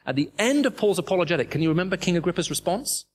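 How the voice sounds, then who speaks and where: This sermon comes from a middle-aged man with a British English accent who grew up in the Middle East. He speaks very fast in a high voice with big pitch swings, addressing a live audience emphatically and leaning on rhetorical questions.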